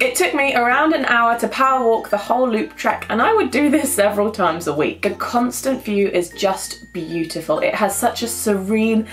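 Young woman, twenties, bright chatty vlogger delivery, close camera mic in a small bedroom. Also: fairly high pitch. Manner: upbeat, chatty, enthusiastic recommendations. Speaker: travel vlogger. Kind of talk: casual to-camera travel tips.

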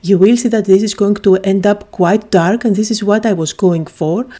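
Narrating a craft tutorial with lots of chatty enthusiasm and frequent little "uh"s, a woman from Greece speaks at a moderate pace. Her voice has a warm tone and medium pitch.

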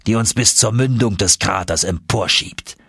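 A man voicing a calm, confident older professor who speaks slowly and evenly. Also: creaky, husky, no room sound, studio quality, exaggerated voice. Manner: slow, low, unruffled.

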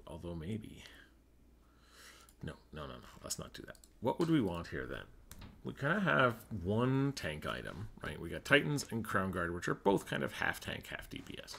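A man's voice: fairly low pitch, wildly swooping pitch, moderate pace, creaky, fairly bright tone, a little hiss or hum. A man giving casual commentary while he plays a game, thinking aloud and muttering to himself. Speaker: gaming streamer.

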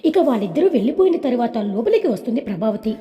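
A woman storyteller with a fairly high, very mellow voice, telling a serialized story at an even pace. Her voice trails off into a long reverb. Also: fast, lo-fi sound. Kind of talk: scripted narration.

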